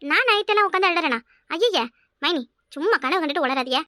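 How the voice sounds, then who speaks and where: A woman's voice: very high voice, expressive, fast talker, pushed and bright, dry recording, studio quality, full character voice. A woman voicing an evasive young village girl in a cartoon, talking dismissively and defensively with a Kanyakumari Tamil accent. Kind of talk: cartoon voice acting.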